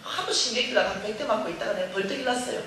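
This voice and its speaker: A woman's voice: medium pitch, racing, slight background noise. A woman giving a humorous testimony at a church revival, telling her story with lots of laughter and acted-out dialogue. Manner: animated storytelling, laughing often, acting out dialogue. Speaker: guest speaker at a church revival. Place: church sanctuary. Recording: echoey church hall from far off.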